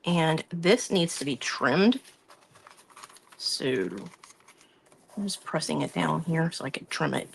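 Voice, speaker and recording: A woman's voice: deep voice, slow, vocal fry, pauses often, slight background noise. A woman hosting a craft live stream, chatting casually and rambling about her week while she works at her craft table. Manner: chatty, rambling, talks through her hands-on work.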